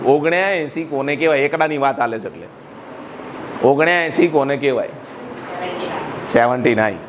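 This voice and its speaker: Man, gujarati accent, school director, motivational speech, quizzes the crowd, somewhat high pitch, noisy hall. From Gujarat, India. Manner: rhetorical, quizzes the audience.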